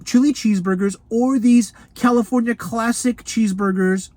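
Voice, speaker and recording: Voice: medium pitch, fairly even intonation, normal speed, darkish tone, dry recording. Chatty folksy food reviewer, dry sound. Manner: chatty and folksy, calls viewers grandchildren, speaks of self in third person; laughs often between remarks. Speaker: food review show host. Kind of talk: casual unscripted food review. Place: Los Angeles.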